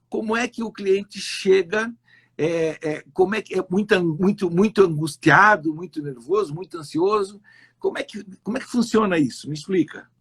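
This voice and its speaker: A man's voice: high-pitched, breathy edge. A man hosting a live-stream interview, asking long, rambling questions full of restarts. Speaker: host, consultant. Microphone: online live stream.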